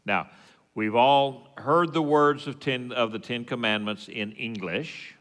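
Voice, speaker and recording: Male preacher, West Texas twang, folksy and halting, unhurried delivery, big reverberant hall. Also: mid-range voice, a bit bright. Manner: folksy, halting, plain-spoken asides. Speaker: congregation teacher giving the sermon. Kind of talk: informal teaching sermon with scripture readings. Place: reverberant hall at a worship service.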